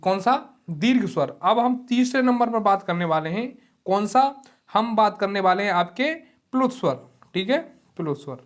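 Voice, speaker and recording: A man teaching a grammar class online, who explains slowly, repeats key terms and often checks in with his students. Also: sits high, animated. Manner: drags vowels out long to demonstrate them. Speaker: Hindi teacher. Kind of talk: online exam-prep lecture.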